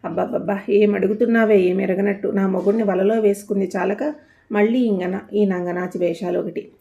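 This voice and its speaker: Storybook part: a woman plays a harsh, jealous wife who shouts accusations, mellow tone, lo-fi. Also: mid-range voice, steady tone, normal speed, gravelly, lightly acted. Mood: angry, accusing.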